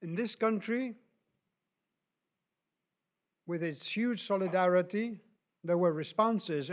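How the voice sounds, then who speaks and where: A man from South America delivering a lecture at a slow, measured pace, with a fairly high voice. He speaks deliberately, pausing often with fillers and restarting his phrases. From Chile and Argentina. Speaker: speaker on human rights law. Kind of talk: lecture presentation.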